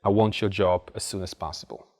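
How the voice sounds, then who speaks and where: Low-voiced Polish-accented man, blunt motivational speaker. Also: fairly quick, darkish tone. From Poland. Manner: blunt, informal, swearing storyteller with emphatic repetition. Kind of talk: motivational talk to a live audience.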